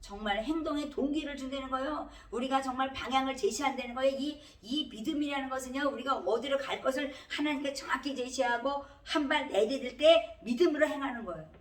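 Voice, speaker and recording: A woman's voice: high voice, brisk, few pauses. Woman pastor preaching in an echoey room. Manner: conversational preaching with emphatic rising exhortations. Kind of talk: sermon. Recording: roomy echo, heard from a distance.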